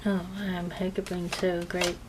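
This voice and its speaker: A woman with a lowish, unhurried voice and little pitch movement gives a tarot reading. She chats casually and uses many fillers while shuffling cards, and the shuffling comes through clearly in the recording.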